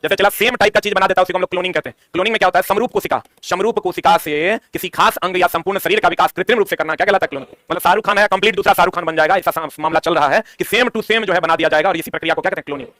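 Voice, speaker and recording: A man's voice: sits high, rapid-fire, hardly any pauses, fairly bright tone, dry recording. A man teaching an exam-prep science lesson, drilling students with repeated questions and answers.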